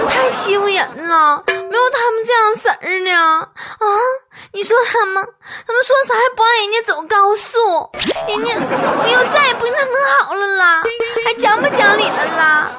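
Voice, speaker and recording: A woman's voice: extremely high pitch, moderate pace, bright, forceful tone, faint music behind, a faint crowd. A woman voicing a grown man who whines and sobs like a spoiled child, pleading for sympathy. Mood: tearful complaint.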